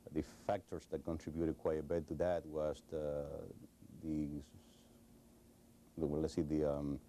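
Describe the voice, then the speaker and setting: A middle-aged Cuban man with a Cuban Spanish accent answers questions in a recorded television interview, hesitant and full of fillers and restarts. His voice is extremely low-pitched and dark-toned, with slight background noise.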